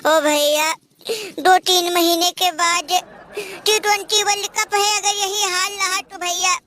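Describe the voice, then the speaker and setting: High squeaky cartoon voice. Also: little pitch movement, measured pace, sharp tone, a little hiss or hum. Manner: wailing, melodramatic mock-mourning, scolding. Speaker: cartoon comedy voice artist. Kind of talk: comic cartoon mock lament.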